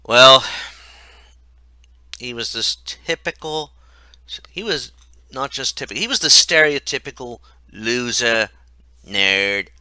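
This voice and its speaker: A man's voice: mid-range voice, animated, takes it slowly, long pauses, bright, forceful tone, smooth, dry recording. A man reading his own comic story aloud in a wry, mocking way.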